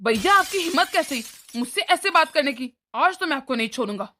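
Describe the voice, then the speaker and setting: A woman voicing a defensive younger brother in an animated cartoon, speaking with indignant outrage. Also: sits high, fairly quick, slight background noise.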